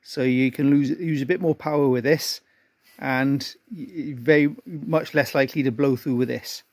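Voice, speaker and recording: An amateur car restorer gives an unhurried, self-deprecating welding demonstration in a cluttered garage workshop, explaining each step. His mid-range voice holds a steady tone, and there's no room sound.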